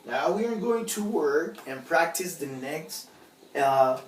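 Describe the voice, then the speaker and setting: Slow, patient male phonics teacher. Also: fairly high pitch, animated. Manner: patient and drawn-out, repeats each sound, checks with "okay?"; switches between English and Spanish to explain. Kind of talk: slow phonics lesson, sounding out letters. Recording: roomy, distant mic, faint background noise.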